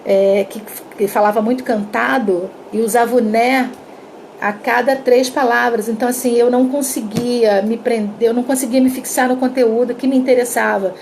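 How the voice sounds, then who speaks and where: A communication coach with a Brazilian Portuguese accent teaches a live online class, her dry-throated voice on the high side at a moderate pace. She's lively, acting out little sample dialogues, and a faint hiss or hum is audible.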